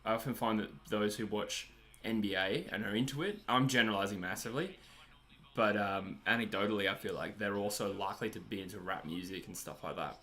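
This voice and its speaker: With a fairly low, sharp-toned voice and a brisk delivery, this Australian man in his twenties reads out viewer messages on a casual cricket livestream. He's chatty and rambling, and quick to put himself down.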